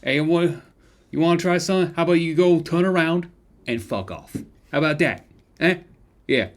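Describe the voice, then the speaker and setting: Brief: aggressive male street tough, voiced by a man, jeering and loud. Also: fairly high pitch, normal speed, voice pushed up, natural voice. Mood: belligerent. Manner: aggressive, taunting. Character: hostile rude male city civilian.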